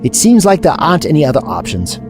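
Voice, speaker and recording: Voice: medium pitch, big pitch swings, fast, music in the background, close to an everyday voice. A performer in an audio drama playing the Doctor, an eccentric, kindly time traveller who explains things in a wordy, scholarly way. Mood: determined.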